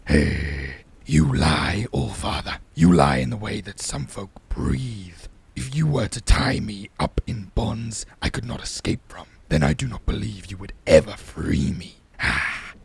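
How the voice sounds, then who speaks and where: A man voicing a huge, proud and suspicious male wolf, with slow, menacing, drawn-out words and growled hums. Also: no echo, exaggerated voice. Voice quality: deep growling gravelly voice.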